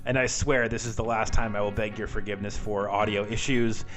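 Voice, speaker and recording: A man's voice: lowish voice, little pitch movement, a little fast, a bit bright, soft background music. A man hosting a podcast in a casual, chatty way, informal and wry, often poking fun at himself, on a homemade recording. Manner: informal, self-deprecating, wry. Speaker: podcast host. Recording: amateur home podcast audio.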